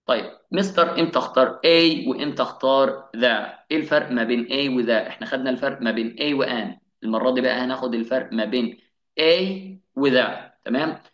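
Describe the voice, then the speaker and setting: A man's voice: mid-range voice, fairly bright tone. Egyptian man teaching English grammar. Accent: Egyptian Arabic. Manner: asks questions and answers them himself, slowing down to spell out English examples. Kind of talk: classroom-style grammar lesson. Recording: echoey room, slightly dull sound.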